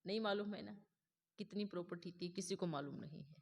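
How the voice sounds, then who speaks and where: A woman's voice: fairly low pitch, brisk, creaky. A woman giving a spiritual sermon, pressing her listeners with rhetorical questions and mimicking their boasts. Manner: acts out others' boastful voices. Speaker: spiritual speaker. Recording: long hall reverb.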